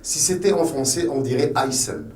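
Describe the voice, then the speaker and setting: A man's voice: medium pitch, expressive, unhurried, echoey room, recorded from a distance, background noise. A man with a Tunisian French accent teaching a beginner language lesson, patiently repeating each letter and sound.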